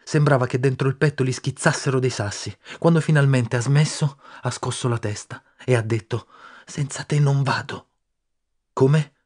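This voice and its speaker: Male audiobook narrator with a husky, mid-pitched voice and a steady, measured read. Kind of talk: first-person audiobook narration.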